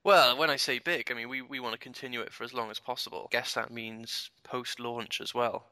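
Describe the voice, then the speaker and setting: Fast-talking, bright, gravelly man. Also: mid-range voice, fairly even intonation. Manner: chatty, jokey, full of fillers. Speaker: podcast host. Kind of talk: casual chat.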